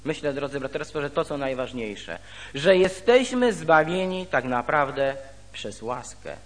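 A man preaching a sermon. He reads scripture aloud and then explains it slowly, with pauses. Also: a little high, very animated, fairly bright tone. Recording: reverberant hall.

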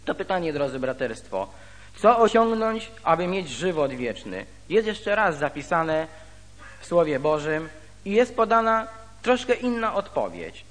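A man preaching a sermon in a church hall, his pitch sitting a little high and rising and falling a lot as he reads scripture and then explains it. The long reverb of the room trails behind each phrase. He moves slowly from reading to explaining. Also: sing-song, fairly bright tone.

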